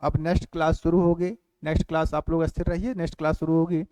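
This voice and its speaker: A man teaching a grammar class who repeats phrases slowly for note-taking and keeps asking quick check questions. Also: on the high side, level tone, mellow, no echo. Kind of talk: classroom lecture.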